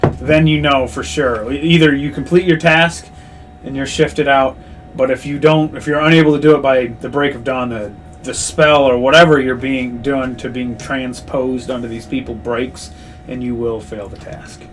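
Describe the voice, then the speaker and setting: A man's voice: mid-range voice, fairly even intonation, normal speed, slight background noise. A man running a tabletop role-playing game, improvising descriptions and explaining the rules as game master.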